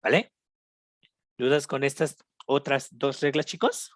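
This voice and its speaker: A teacher with a Mexican accent, patiently explaining English grammar in a recorded lesson, slowing down for each English example and checking in with the students. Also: mid-range voice, dry recording, clean studio sound. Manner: switches between Spanish and slow English examples.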